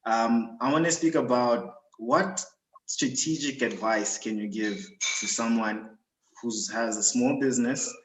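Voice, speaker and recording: A man's voice: medium pitch, unhurried, noisy background. A man hosting a live-stream interview, conversational and affirming, asking long questions with a few stumbles. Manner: conversational, lots of affirming hums, acts out a client's voice. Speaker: host. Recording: echoey room.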